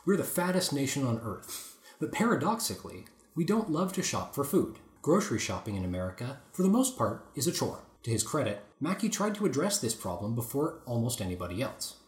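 Lively man reading aloud in an echoey room. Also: mid-range voice, brisk. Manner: lively reading with asides and swearing. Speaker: podcast host. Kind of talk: casual chat, reading an article aloud.

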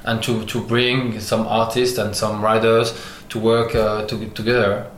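In an echoey room with faint background noise, a lowish-voiced man delivers flat, halting answers as an artist in an interview. Originally from Algeria and raised in France, he speaks French and keeps pausing and restarting while searching for English words.

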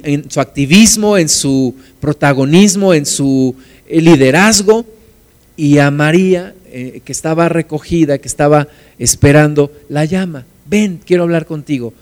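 A man preaching a sermon, retelling scripture slowly and deliberately, dropping to soft quiet stresses. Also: a little high. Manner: storytelling retelling of scripture with acted quotes.

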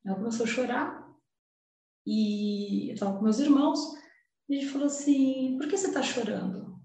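Brazilian businesswoman, high bright voice, chatty and heartfelt, heard from a distance. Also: moderate pace. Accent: Brazilian Portuguese. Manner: emotional, chatty, peppered with slang fillers. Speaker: entrepreneur guest. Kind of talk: casual storytelling. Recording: very echoey room, voice off-mic.

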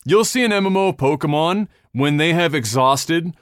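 Man, podcast host, casual chat, smooth clear voice, dry close sound. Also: fairly high pitch, lively intonation, normal speed, no room sound. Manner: rambling, swears casually, many restarts.

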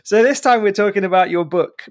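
A man's voice: sits high, a little fast, no echo, studio quality. A man with an English accent hosting a podcast interview. He talks in a friendly, chatty way and restarts his sentences often. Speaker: podcast host.

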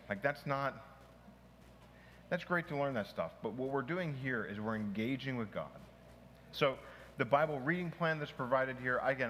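This male pastor's fairly bright, medium-pitched voice carries through long hall reverb over faint noise. He talks conversationally to a small church group, restarting, drifting into asides and asking the group questions.

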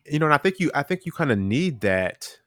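A man talking earnestly about end times in a casual Bible chat, halting with many restarts. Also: on the high side, sing-song, fairly bright tone, dry recording, studio quality.

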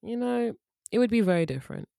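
Lively playful young woman. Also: fairly high pitch, fast, creaky, no room sound, studio quality. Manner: playful, teasing, British slang. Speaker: book club podcast co-host. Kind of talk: casual banter.

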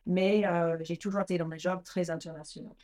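Brisk and steady, this American woman in her forties speaks on the low side with a darkish tone. She's a brand founder in a relaxed interview, talkative and often restarting her sentences.

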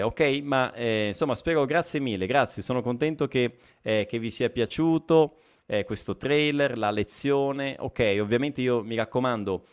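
A male language teacher speaking in a middle pitch during a live online class. He often pauses to ask "ok?" and repeats phrases for his students. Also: clear, resonant tone. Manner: checks in with frequent "ok?" and repeats phrases.

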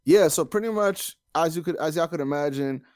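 A man's voice: fairly high pitch, a little fast, a little mellow, no room sound, clean studio sound. A man chatting casually as a podcast host, slangy and opinionated.

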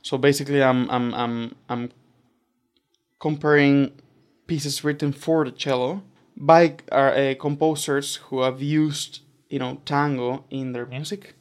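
A man's voice: mid-range voice, steady tone, a little slow. A young man from Argentina, talking as a guest in a casual interview, hesitant with many fillers and restarts. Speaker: doctoral student guest.

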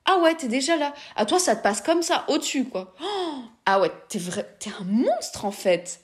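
A shrill, indignant voice that a woman puts on, scolding and mocking someone for being cold and unfeeling. The tone is exaggerated and accusing, pitched high above a plain speaking voice, with theatrical outrage throughout. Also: sing-song, moderate pace.

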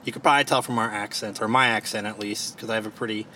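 A fairly low-pitched, fast-talking man with fairly even intonation and a bright, forceful tone hosts a casual podcast from a parked car. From Maryland with a Baltimore accent, he jokes and swears freely; a home podcast mic picks up a little hiss or hum.

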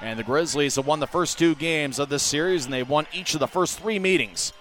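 A man calling rapid hockey play-by-play as the announcer, excitable and given to shouting on goals. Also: on the high side.

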